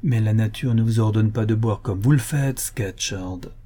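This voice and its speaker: A man voicing a calm, earnest country doctor in a quiet, measured tone. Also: on the low side, lightly acted.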